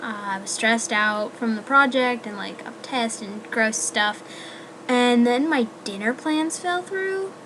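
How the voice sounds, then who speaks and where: A woman's voice: on the high side, a little slow, a bit bright. A young woman with a slightly raised voice talks to her viewers in a loose, rambling vlog chat. Her sentences keep circling back through "like" and "um" as she tells her stories. There is a faint hiss under her voice. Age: young adult. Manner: rambling, full of "like" and "um". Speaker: student vlogger. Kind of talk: casual chat to camera.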